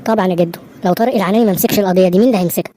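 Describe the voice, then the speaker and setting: Headstrong young Egyptian detective, voiced by a woman, rapid and mellow. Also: medium pitch, natural voice. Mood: determined. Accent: Egyptian Arabic. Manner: boastful, reassuring. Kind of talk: Egyptian cartoon dub acting.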